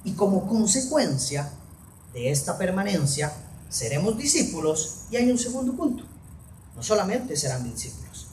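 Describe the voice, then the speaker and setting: A preacher delivers a sermon in a lively, animated voice, dropping into soft low asides before rising to stressed, emphatic phrases. The voice reaches the mic from a distance, carrying a roomy church-hall echo, and faint background noise sits underneath. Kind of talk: sermon on a Bible passage.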